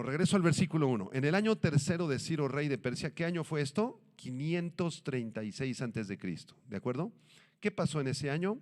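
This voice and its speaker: Spanish-speaking male pastor teaching a sermon. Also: mid-range voice. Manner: teacherly, asks the congregation questions and answers them. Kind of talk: expository sermon, Bible teaching.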